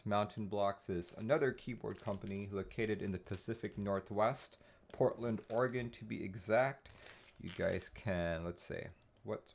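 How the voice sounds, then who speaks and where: A man from Taiwan with a fairly low voice hosts a live stream. He talks in a relaxed, chatty way, greeting viewers by name and reading their chat messages aloud. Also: creaky.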